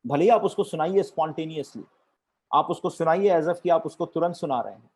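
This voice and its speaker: A man giving a corporate training talk on storytelling, deliberate and switching between Hindi and English. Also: fairly high pitch, slightly rough.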